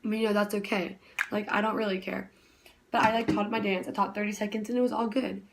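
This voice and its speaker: Fast-talking chatty young woman vlogger. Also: medium pitch, little pitch movement, creaky. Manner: talks very fast, rambling with many "like" fillers. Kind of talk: casual chat.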